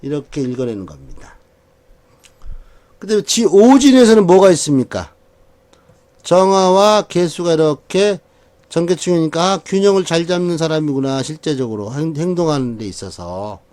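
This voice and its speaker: A man with a high, animated voice leads a lesson on reading a birth chart. He keeps asking the class questions and answering them himself, and he chuckles between points. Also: brisk. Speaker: saju fortune-telling teacher.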